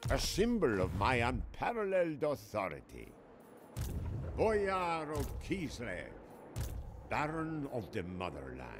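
An actor playing a proud, commanding fantasy warlord in a video game, with a grandiose, declamatory delivery. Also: male voice, medium pitch, huge pitch swings, takes it slowly. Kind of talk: video game character acting. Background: loud game music.

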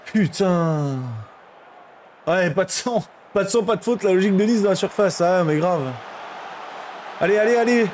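Young male streamer, high-pitched, excitable game commentary with outbursts, faint background noise. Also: moderate pace, long pauses. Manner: excitable, swings from shouting to muttering.

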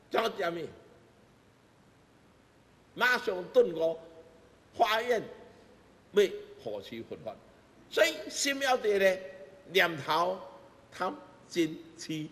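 A middle-aged Buddhist master with a Taiwanese accent gives an emphatic sermon in a temple hall to a seated congregation, using rhetorical questions and repeated phrases. His voice is a little high and a bit bright, in an echoey hall with music underneath.

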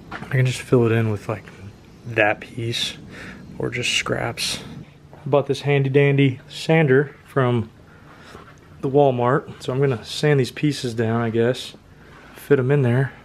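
A mid-range male voice comes through slight background noise as a young man vlogs casually about his truck build. Shot on a handheld phone in his home garage, he talks to camera while working, chatty and self-deprecating, in a casual DIY style.

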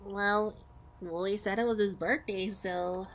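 A woman's voice: medium pitch, steady tone, a little slow. A woman streamer commenting on a horror game and thinking aloud as she plays.

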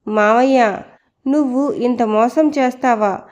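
A woman's voice: fairly high pitch, slow pace, a little mellow, dull audio. A woman voicing a haughty, spiteful young woman who speaks scornfully in an audio novel.

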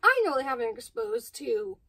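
A woman's voice: a little high, very animated, fairly quick, bright, forceful tone. A woman hosting a casual vlog, chatty and playful, laughing often as she talks. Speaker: host of a tarantula keeper channel.

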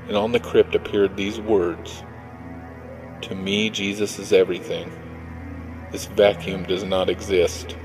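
A male reverend reading a doctrinal text aloud in a measured, formal way. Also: on the low side, a little mellow. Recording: long hall reverb with faint music.

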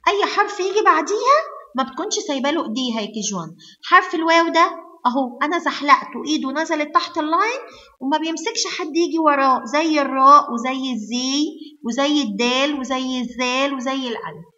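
A woman with an Egyptian Arabic accent teaching young children to read, sounding out letters slowly and praising them often. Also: high voice, sharp tone, muffled recording. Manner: slow, drawn-out sounding of letters, praising and coaxing. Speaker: kindergarten teacher. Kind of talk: online phonics lesson for young children.

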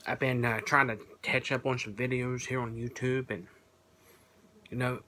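A man's voice: mid-range voice, little pitch movement, normal speed, sharp tone, slight background noise. A man reviewing food in a casual vlog, talking while chewing, plainspoken and rambling with fillers.

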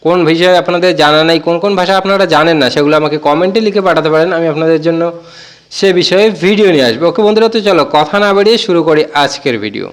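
Man slowly teaching words in casual lessons. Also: fairly high pitch, clear, resonant tone. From Bengal. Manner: slow, drawn-out repetition of taught words. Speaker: language teacher, channel host. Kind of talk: casual spoken language lesson.

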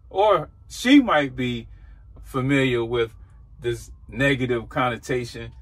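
A man in his forties, a trucker vlogger, talks into a dashboard camera from his truck cab, sharing rambling, earnest, casual reflections. His voice is medium in pitch with a fairly bright tone.

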